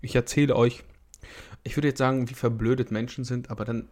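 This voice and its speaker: A man's voice: medium pitch, fairly even intonation, a little fast, a little mellow, slight background noise. A young man co-hosting a casual podcast, blunt and joking, often speaking straight to the listeners. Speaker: podcast co-host.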